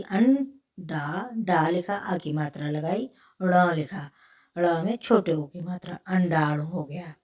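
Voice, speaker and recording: A woman's voice: fairly low pitch, a little mellow, recorded from a distance. A woman teaching spelling, breaking each word into letters and repeating it. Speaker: Hindi teacher. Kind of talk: slow spelling lesson.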